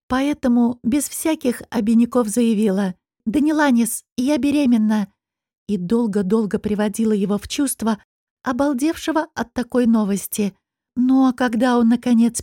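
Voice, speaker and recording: A woman narrating a first-person fantasy audiobook in an expressive, wry storytelling manner, close to the mic. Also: fairly high pitch, dry recording.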